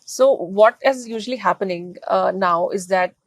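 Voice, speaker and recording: A woman's voice: mid-range voice, moderate pace, no echo. A woman journalist asking interview questions in a loose, hesitant way with fillers. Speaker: interviewer, correspondent.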